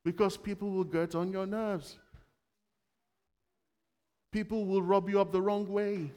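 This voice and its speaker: A man preaches in a conversational way, telling stories and asking his congregation questions. His voice sits fairly high for a man. The sound carries the long reverb of a church hall. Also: level tone, a little slow, a little mellow. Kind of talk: sermon.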